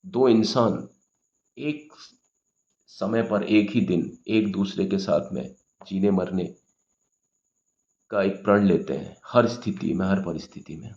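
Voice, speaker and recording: A man's voice: deep voice, slow pace, long pauses, darkish tone, lo-fi sound. A man teaching English grammar in Hindi, patiently explaining words and often checking with "okay?".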